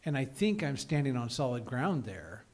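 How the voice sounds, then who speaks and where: A man's voice: mid-range voice, very animated, normal speed, a little mellow, slight background noise. Thoughtful man leading a Bible study. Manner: thoughtful, reasons aloud with many "uh"s; reads scripture aloud with rising emphasis. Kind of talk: group Bible study discussion.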